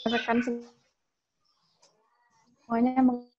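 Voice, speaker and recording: A woman's voice: fairly high pitch, completely flat delivery, very slow. Woman lecturing over a choppy, breaking-up call. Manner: hesitant, many fillers. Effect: choppy, breaking-up internet call audio. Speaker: guest lecturer, atmospheric researcher. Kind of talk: online public lecture. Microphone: video call. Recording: dull lo-fi video call audio.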